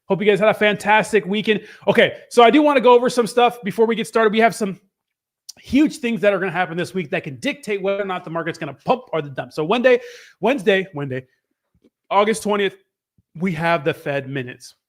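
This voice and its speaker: A male live stream host with a notably high voice that sounds a little hoarse. He chats casually and upbeat, mixing market news with slangy, informal greetings to his viewers. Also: brisk. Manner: upbeat, informal hype with slangy shout-outs. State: slightly hoarse voice.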